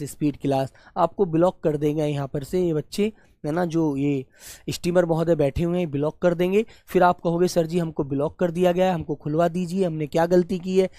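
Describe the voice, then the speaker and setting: A man's voice: high voice, no room sound. Male teacher doing a live online class, keeps repeating the question, calls everyone beta, patient but scolds a bit, dry close sound. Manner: gently scolding, patient explainer. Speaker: Hindi teacher.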